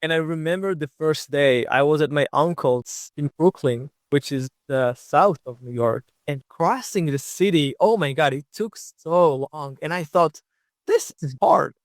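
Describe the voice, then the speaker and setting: A man's voice: a little high, measured pace, dry recording. Chatty young man from Israel, dry sound. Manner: easygoing, chatty, many fillers like "like" and "you know". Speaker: guest, long-distance bicycle traveler. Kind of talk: casual interview storytelling.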